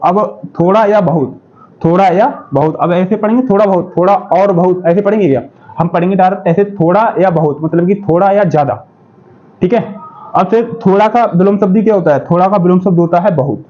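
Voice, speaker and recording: A man teaching a Hindi grammar lesson for exam preparation, asking questions and answering them himself, with many "okay"s. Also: high voice. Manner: repeats questions and answers them himself, says "ठीक है" often. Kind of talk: classroom-style lesson. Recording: dull lo-fi sound.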